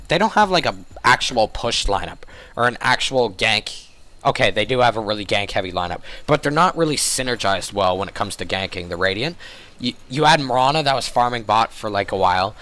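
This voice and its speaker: A young man with a voice hoarse from a cold, excitedly commentating a video game and often correcting himself as he rambles. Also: medium pitch. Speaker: game caster.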